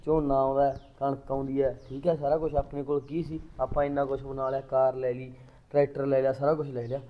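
An actor playing a greedy brother who plots over land, then shouts at his sister. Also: flat delivery, fairly quick, phone-quality sound, natural voice. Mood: scheming. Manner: scheming in low tones, then shouting. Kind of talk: Punjabi family drama acting.

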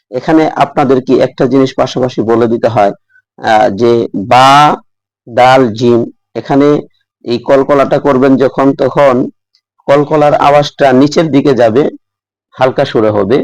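A man's voice: mid-range voice, darkish tone, no echo, low-quality recording. A man teaching Quran recitation rules patiently, repeating and drawing out letter sounds as he explains. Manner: patient, repetitive instruction with drawn-out letter sounds. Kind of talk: tajweed lesson.

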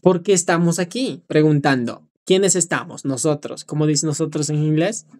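A woman teaching a live online English lesson, drilling phrases slowly and encouraging her students. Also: low voice, a little mellow.

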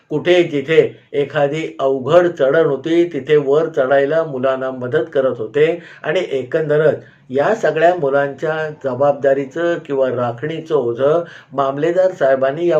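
A man telling a personal school memory in an unhurried way, often pausing to explain himself with asides. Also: mid-range voice, a little mellow. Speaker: storyteller. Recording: slightly dull, lo-fi sound.

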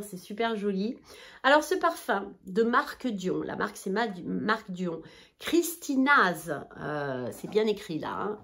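A woman filming a chatty haul vlog indoors under a ring light, bubbly and self-mocking as she talks straight to her viewers. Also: mid-range voice. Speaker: haul vlogger, mother of two daughters.

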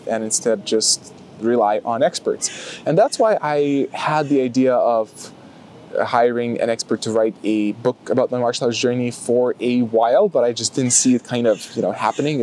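With the camera close in front of him, a young man with a Lithuanian accent chats outdoors on a grassy field, full of fillers and restarts. He's a martial arts vlogger with a darkish, mid-range voice. A little hiss or hum is audible.

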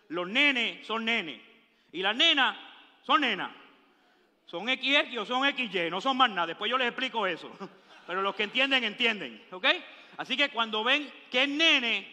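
Pastor preaching, high ringing voice, drops soft then booms, long hall echo. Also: male voice. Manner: swings from hushed murmurs to loud preaching bursts; humorous asides and rhetorical questions to the congregation. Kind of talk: sermon. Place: church sanctuary.

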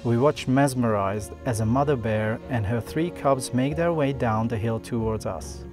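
A man in his thirties delivers scripted voice-over in the manner of a nature documentary. His pitch sits in the middle range, with music clearly playing behind him. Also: normal speed. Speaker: travel vlog narrator.

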